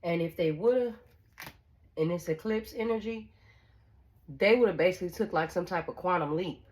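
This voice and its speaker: Low-voiced woman giving a blunt tarot reading. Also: moderate pace, a little mellow. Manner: blunt, swears freely, repeats phrases and checks in with "okay?". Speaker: tarot reader. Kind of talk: casual tarot reading to viewers.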